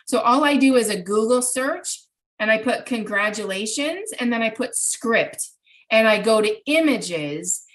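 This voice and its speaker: In a rough recording from a computer mic on a video call, a middle-aged woman speaks with a fairly high, a bit bright voice. She's running an informal online workshop from her home craft room indoors, answering participants' questions. She explains things step by step, using examples.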